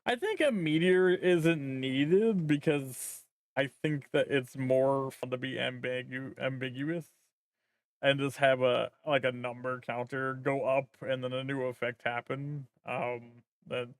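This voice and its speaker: A man's voice: medium pitch, clean tone, no echo. A man streaming as a vtuber, chatting casually and thinking aloud while he works, rambling with lots of fillers.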